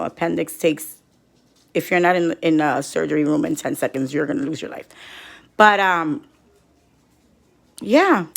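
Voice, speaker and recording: A middle-aged woman vlogger telling viewers a story in a casual, animated way, acting out what others said. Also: low voice. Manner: rambling with many restarts. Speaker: couponing vlogger. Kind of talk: casual personal update to viewers.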